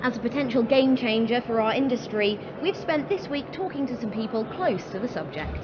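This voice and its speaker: Woman news presenter, bright upbeat read, noisy ambience. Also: on the high side, lively intonation, a little fast, dull audio. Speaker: trade show news presenter.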